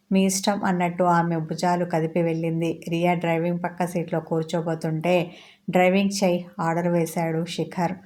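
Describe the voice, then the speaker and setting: A woman narrates a romance story aloud in a scripted reading. Her voice sits a little low. She reads in a steady, even way, with very little melody.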